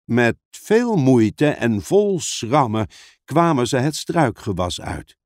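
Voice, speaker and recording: A man narrates a children's audiobook slowly and carefully. His pitch moves a lot as he tells the story. The recording is close and dry, with no room sound. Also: no echo. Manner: expressive storytelling.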